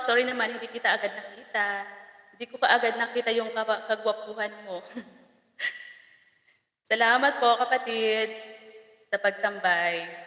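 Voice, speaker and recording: A woman's voice: a little high, pushed and bright. Chatty Bicolano woman in an echoey room. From Bicol region, Philippines. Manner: chatty and teasing, laughs often, stumbles over names. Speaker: farm vlogger hosting a live stream. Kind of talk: casual live-stream chat reading viewer comments. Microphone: phone. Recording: echoey room with long reverb.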